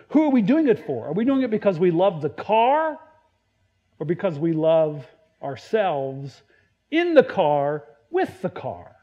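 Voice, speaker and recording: A man preaching a sermon in a conversational way, stumbling and restarting, now and then acting out Bible quotes loudly. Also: high-pitched, highs cut off. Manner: conversational, self-deprecating preaching with many restarts. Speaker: pastor.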